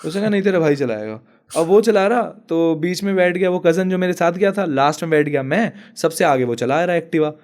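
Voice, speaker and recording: A young man telling a story in casual chat, animated and laughing often. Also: high-pitched, fairly quick, hardly any pauses. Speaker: podcast guest.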